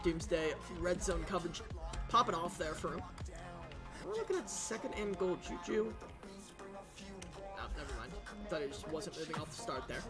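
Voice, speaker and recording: A man calling a video game football match play by play, casual and excitable, his voice jumping up on big plays. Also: fairly high pitch, moderate pace, pauses often, over music. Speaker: play-by-play commentator. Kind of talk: esports football commentary.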